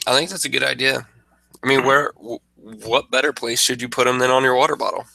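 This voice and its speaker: A man co-hosting a casual podcast, hoarse from a cold and laughing often as he chats. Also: medium pitch, fairly even intonation, a little fast, pushed and bright, poor audio. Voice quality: gravelly. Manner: laughs often, loose and chatty. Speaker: podcast co-host.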